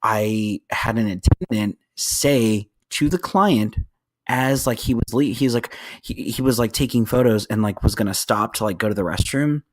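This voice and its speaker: A man's voice: on the low side, normal speed. A man in his thirties, a podcast host, telling a story in casual chat and acting out the voices in it. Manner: animated, acts out voices in his anecdotes.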